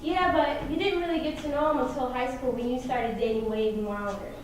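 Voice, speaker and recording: Woman playing high-voiced small-town wife, very echoey. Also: fairly even intonation, a little fast, close to an everyday voice. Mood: nostalgic. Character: wistful, discontented young small-town wife, plainspoken friend. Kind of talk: stage play dialogue. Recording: echoey room, far microphone, faint noise.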